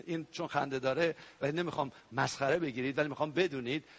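A man from Iran preaching a sermon to a congregation, animated, with sudden loud cries and playful sound effects. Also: a little high. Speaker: pastor.

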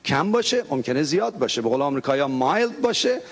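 A man preaching a lively sermon from a church pulpit, joking and coaxing the congregation into call-and-response. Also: a little high. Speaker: pastor.

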